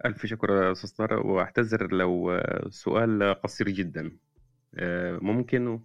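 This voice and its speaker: Deep-voiced Egyptian man, dull app audio. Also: fairly even intonation, a little fast, creaky. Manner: polite, questioning. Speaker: caller asking questions. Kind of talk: casual live audio room talk.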